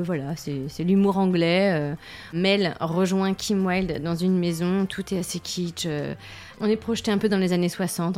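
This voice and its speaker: A woman's voice: lowish voice, darkish tone. A woman contributing to a radio show, telling a story in a chatty, amused way. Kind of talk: casual on-air chat.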